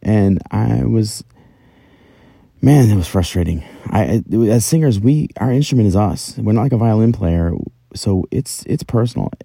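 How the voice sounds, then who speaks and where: A man's voice: lowish voice, lively intonation, normal speed, vocal fry, warm tone, husky, no room sound. A middle-aged man hosting a solo podcast from inside a closet, telling his own story in a casual, conversational, self-deprecating way. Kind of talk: casual first-person podcast monologue. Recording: very dry, close closet recording.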